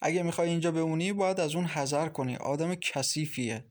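A man's voice: fairly high pitch, fairly even intonation, lightly acted. A man voicing a mocking, cautious young woman in a storybook reading, teasing and fretful by turns.

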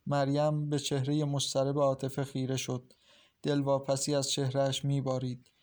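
A man reading a novel aloud as audiobook narrator, calm and even. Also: medium pitch. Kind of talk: scripted narration.

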